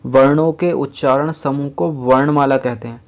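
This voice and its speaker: A man teaching a lesson in an explanatory classroom style, repeating each point slowly and counting items aloud. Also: mid-range voice, fairly even intonation, vocal fry, a little mellow.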